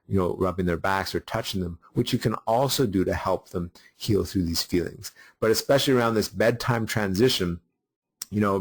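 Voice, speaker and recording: Middle-aged male webinar host, lowish voice, unscripted and rambling, keeps restarting his sentences. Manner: halting, many fillers and restarts. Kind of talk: unscripted teaching talk.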